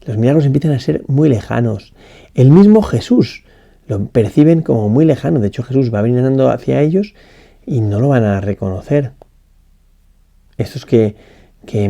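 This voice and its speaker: A priest offers a slow, reflective spoken meditation on a gospel passage, almost thinking aloud. His medium-pitched voice is mellow and dark with a gravelly edge, and he restarts phrases as he goes while repeatedly checking in with a questioning tag.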